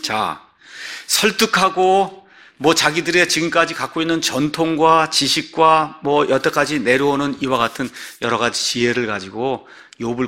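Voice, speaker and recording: Pastor, man, bright and forceful tone, expository sermon driven by rhetorical questions. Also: mid-range voice.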